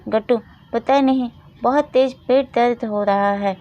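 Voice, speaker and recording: A woman doing a loud spoiled greedy boy. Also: fairly high pitch, measured pace, highs cut off, close to an everyday voice. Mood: demanding. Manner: loud, demanding, rough. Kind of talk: storybook narration with voiced roles.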